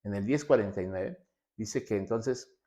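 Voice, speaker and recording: Man, low voice, preacher, sermon, rhetorical questions, repeats for emphasis. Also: moderate pace, warm tone. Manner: asks himself rhetorical questions and answers them.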